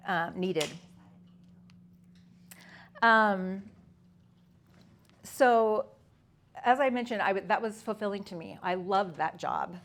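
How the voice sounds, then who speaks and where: A woman's voice: mid-range voice, a little hiss or hum. Fifty-something woman giving a conference talk, chatty, lots of ums and restarts. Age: 50s. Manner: conversational, many fillers and restarts. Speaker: conference speaker. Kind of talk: personal story talk to an audience.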